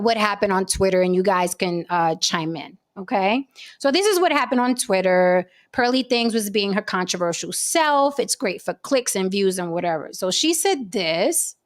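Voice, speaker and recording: Brief: forties woman, talk-show host, chatty storyteller, average pitch. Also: lively intonation, normal speed. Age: 40s. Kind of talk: casual panel chat.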